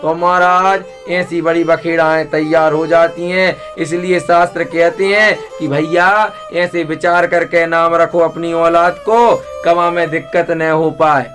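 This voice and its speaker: A man's voice: on the high side, little pitch movement, measured pace, few pauses, fairly bright tone, soft background music. A man telling a comic devotional story, chanting and addressing his listeners as brothers. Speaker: religious storyteller.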